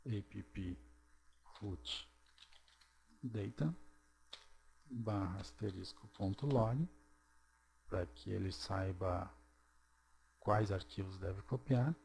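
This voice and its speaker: A man talks through a computer tutorial at an unhurried, deliberate pace, pausing to check in with the viewer. His voice sits a little low and sounds soft and mellow. A faint hum runs under the recording. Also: creaky. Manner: slow, step-by-step, checks in with "ok?" and "certo?". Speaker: programming tutorial presenter. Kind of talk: screencast tutorial narration.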